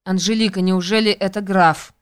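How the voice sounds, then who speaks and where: A woman voicing an excitable, anxious young friend, exclaiming her lines in an audiobook. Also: medium pitch, moderate pace, clean tone, natural voice. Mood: excited. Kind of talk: audiobook character reading.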